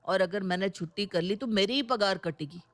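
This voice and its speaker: A woman's voice: mid-range voice, a little fast, natural voice. A woman voicing a busy young husband who defends himself in an exasperated, complaining way in an audio storybook.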